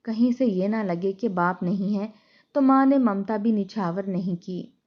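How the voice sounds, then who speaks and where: A woman voicing a gentle elderly mother who pleads softly and defends her son. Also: mid-range voice, measured pace, close to an everyday voice. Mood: defensive. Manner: pleading, soft-spoken. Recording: dull lo-fi recording.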